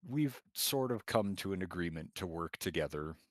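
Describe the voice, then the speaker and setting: A giant of a man talks over his week in a low, unhurried ramble full of small hesitations, as a man puts him on. The voice sits very deep and close, with a dry sound and no room around it. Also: animated, no room sound. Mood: reflective. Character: male giant adventurer reporting to a spirit.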